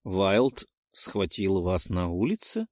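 A man voicing a bewildered young male mage who talks slowly in a low, puzzled murmur. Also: fairly even intonation, dry recording, studio quality. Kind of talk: audiobook character voice.

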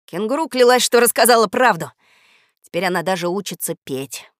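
A woman narrating a children's audiobook in a lively, expressive manner. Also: medium pitch, brisk, no room sound, studio quality.

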